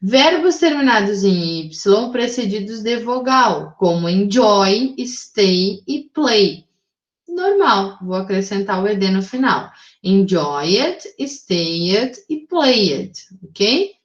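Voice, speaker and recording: A Brazilian woman teaching an English grammar lesson to her class, reading example sentences slowly and checking in with "tá?" and "né?". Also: medium pitch, sing-song. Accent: Brazilian Portuguese. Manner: explains slowly, reads English examples very slowly, adds "tá?" and "né?". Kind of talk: recorded remote class lesson. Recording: echoey room, dull lo-fi audio.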